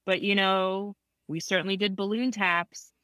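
A woman therapist telling a story in a casual conversation, animated, laughing often and acting out quotes. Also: medium pitch, unhurried, dry recording.

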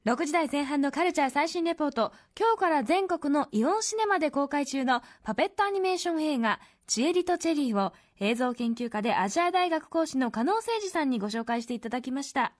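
A woman with a high voice reads a scripted recap for a radio show. She is bubbly and gushes like an excited fan. Her delivery mixes script with little asides. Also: fairly quick. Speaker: radio co-host.

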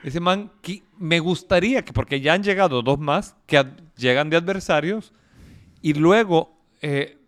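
Animated man telling stories. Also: a little high, measured pace. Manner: animated storytelling, quotes others in raised voice. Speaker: philosophy teacher, podcast guest. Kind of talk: casual podcast chat.

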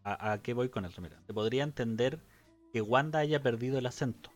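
A man's voice: medium pitch, brisk, dull audio, soft background music. A man with a Chilean accent, a podcast co-host, chatting casually in a joking, teasing way. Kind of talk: casual chat.

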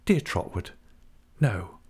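A man reading a storybook voicing a calm, gentle young woman who speaks softly and steadily. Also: slow pace, lightly acted. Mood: tender. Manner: soft and steady.

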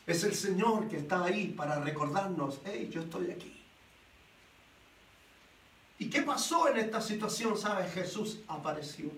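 A man preaching a sermon, telling the story in an animated way and asking rhetorical questions. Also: high-pitched, unhurried, pauses often. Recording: echoey room, voice from a distance.

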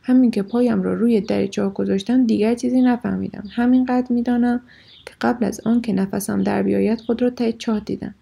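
A woman voicing a man trapped at the bottom of a well, pleading for help in a husky, raised voice. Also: a little high, steady tone, dark tone, full character voice. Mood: anxious. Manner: desperate, calling for help.

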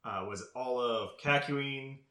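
A man's voice: mid-range voice, measured pace, sharp tone, echoey room. A young man casually recapping an anime on a podcast, rambling, laughing often and acting out characters' lines. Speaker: podcast co-host.

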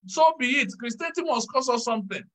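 A man, a pastor, teaching in a church talk show, measured and stressing key words. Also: extremely high pitch, lively intonation, fairly bright tone, poor audio.

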